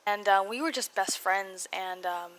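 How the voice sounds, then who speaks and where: A young American woman from California chats through a personal voice-over for her video blog, her mid-pitched voice a little muffled by braces. She rambles, cuts herself off and tosses in self-mocking asides, keeping a measured pace and a fairly bright tone.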